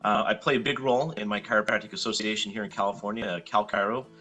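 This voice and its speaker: A man's voice: fairly low pitch, fairly even intonation, quick pace, sharp tone, soft background music, poor audio. A middle-aged man from Hawaii, a chiropractor, talking casually as a guest in an interview, easygoing and rambling with lots of fillers.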